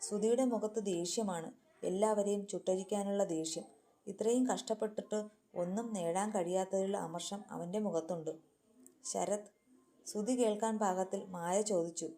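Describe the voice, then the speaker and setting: A woman narrating a romantic family story with steady, emotive reading. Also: mid-range voice, normal speed. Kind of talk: scripted narration.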